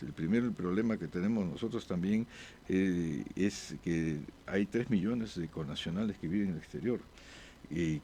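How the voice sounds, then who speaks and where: Gravelly low-voiced man, halting speech. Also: mellow, a little hiss or hum. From born abroad. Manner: halting, frequent "eh" pauses and restarts. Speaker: guest diplomat. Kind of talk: conversational interview answers.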